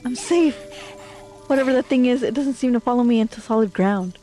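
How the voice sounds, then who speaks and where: A woman's voice: fairly high pitch, a little fast, warm tone, faint music behind. A woman streamer giving casual horror game commentary, full of jumpy reactions, exclamations and swearing.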